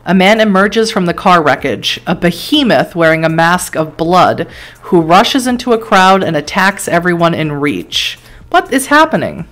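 A woman streamer reads an interactive horror story aloud, her fairly low voice expressive and a bit bright. She weighs each choice with quick, surprised asides and laughter.

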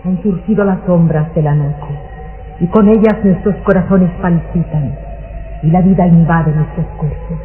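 A woman's voice: fairly low pitch, unhurried, lightly acted. A woman playing a haughty, ghostly housekeeper devoted to her vampire master, reverent and theatrical in an old radio drama. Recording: tinny old radio, loud music behind.

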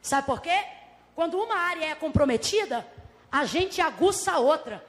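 A Brazilian woman preaching a dramatic sermon, swinging from shouts to hushed asides and acting out the scene's characters in dialogue. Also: sits high, lively intonation, normal speed. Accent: Brazilian Portuguese. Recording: long reverb of a large hall.

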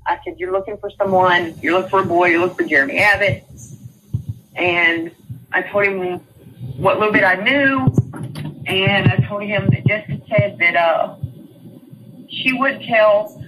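A woman's voice: on the low side, steady tone, normal speed, pushed and bright, slight background noise, rough recording. A middle-aged woman, a mother telling her story in an interview, rambling and often repeating "you know" and "I said.". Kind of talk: casual storytelling.

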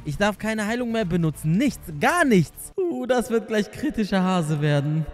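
A man's voice: high-pitched, big pitch swings, moderate pace, soft background music. A young man giving hectic, jokey running commentary on his gameplay, often pleading with the game. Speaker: gaming YouTuber.

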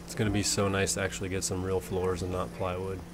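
A man narrating his home renovation work in a relaxed way, thinking aloud as he goes. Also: sits low, quick pace, very noisy. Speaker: DIY renovation vlogger. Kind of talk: casual narration while working. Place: mobile home under renovation, indoors.

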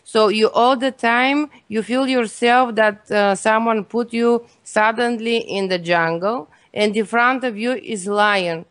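A woman's voice: a little high, measured pace, few pauses, a bit bright, no echo. A Bulgarian woman, a guest health expert, earnestly explaining her views in English with non-native grammar and a Bulgarian accent. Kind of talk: interview answers.

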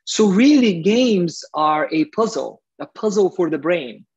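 A middle-aged man from Bulgaria gives a friendly, earnest talk over a video call, often pausing on "uh" fillers. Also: sits high, expressive, darkish tone, breathy edge. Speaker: guest speaker, entrepreneur. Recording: dull, lo-fi video call audio.

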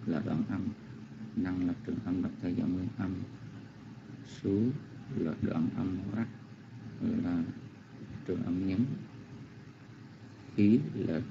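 A man with a very deep, gravelly voice recites a Pali verse slowly and deferentially, analyzing each syllable with care. The sound is dull and muffled, as on an online call. A loud hiss of noise runs underneath. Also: steady tone. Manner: slow, careful, deferential recitation. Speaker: student reciting scripture.

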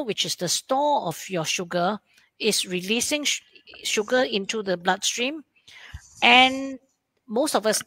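A woman's voice: medium pitch, fairly bright tone, no room sound. A woman endocrinologist with a Malaysian English accent answers webinar questions, explaining plainly and acting out what her patients say.

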